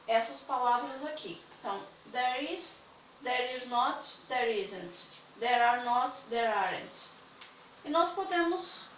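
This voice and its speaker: A woman's voice: high voice, a bit bright, reverberant, recorded from a distance, slight background noise, poor audio. A woman, patiently explaining English grammar in a video lesson and checking in with her students often. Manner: patient, repeats points with "né?" and "tá?". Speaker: English teacher.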